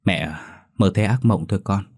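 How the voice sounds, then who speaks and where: A worried middle-aged village wife, pleading and anxious, as a male storyteller reads her lines. The voice sits low and deep. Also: fairly quick, darkish tone, breathy edge.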